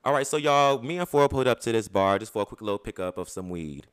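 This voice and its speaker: A man, co-hosting a casual podcast chat and telling stories in a loud, animated, profane way. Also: on the low side, fast, smooth. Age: 30s. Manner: animated, profane storytelling with bursts of laughter. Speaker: podcast co-host.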